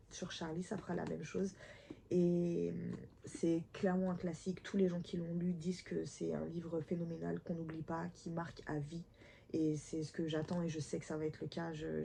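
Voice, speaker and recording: Woman book vlogger, thirties, gravelly low voice, eager chatty delivery, home camera mic with faint noise. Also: warm tone. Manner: chatty, enthusiastic, with frequent restarts and whispered asides. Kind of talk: casual book haul chat.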